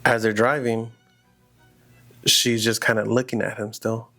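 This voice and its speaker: A man's voice: medium pitch, flat delivery, measured pace, bright, forceful tone, soft background music. A man casually telling a horror story aloud, in a loose, rambling conversational way full of "you know" and "like".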